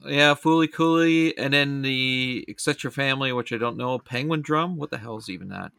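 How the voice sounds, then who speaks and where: A man co-hosting a casual podcast chat, animated and reading show blurbs aloud. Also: medium pitch, fairly quick, vocal fry, clear, resonant tone, no room sound. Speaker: podcast co-host.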